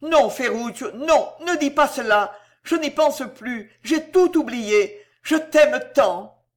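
A woman's voice: high-pitched, lively intonation, slow pace, pitched above the performer's own voice. A woman voicing a frightened old grandmother who is tender and desperate, speaking in a trembling, pleading way. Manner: trembling, pleading, breaking into anguished cries. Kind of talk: audiobook character voice.

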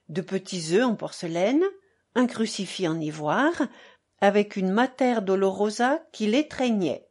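Woman narrator, audiobook of a classic novel, slow measured pace, lively intonation. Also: mid-range voice. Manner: measured, expressive reading.

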